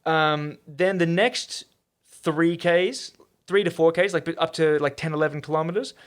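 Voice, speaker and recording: A man hosting a podcast, chatting casually and quickly with plenty of fillers and restarts. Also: on the high side. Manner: fast, animated, lots of fillers and restarts. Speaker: podcast host and trainer.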